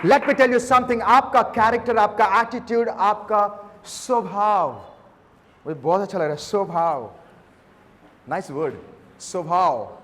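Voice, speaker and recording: Male pastor, animated sermon delivery, lively and theatrical, reverberant hall sound. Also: high voice, slow. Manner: animated preaching mixing Hindi and English, acting out voices.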